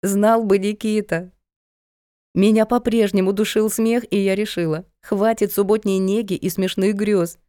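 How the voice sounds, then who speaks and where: Woman narrator, mellow dark voice, wry, dry recording. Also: mid-range voice, steady tone, moderate pace, hardly any pauses, dry recording. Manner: wry, conversational storytelling. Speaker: audiobook narrator. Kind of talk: first-person audiobook narration.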